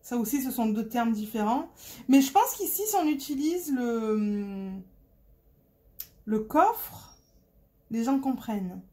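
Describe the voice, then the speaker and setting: A woman's voice: on the high side, lively intonation, slow pace, pauses often, mellow. A woman from Marseille with a Marseille accent, chatting casually to her phone in a vlog, rambling and searching for words. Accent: Marseille French. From Marseille, France. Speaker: diamond painting vlogger. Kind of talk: casual chat to camera.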